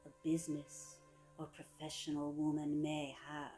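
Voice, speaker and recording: Female narrator, sultry and mellow, scripted book reading, soft phrase endings. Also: low-pitched, monotone, soft background music, poor audio. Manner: sultry, slow-savoring delivery with soft trailing phrase ends. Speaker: reader of a public-domain etiquette book.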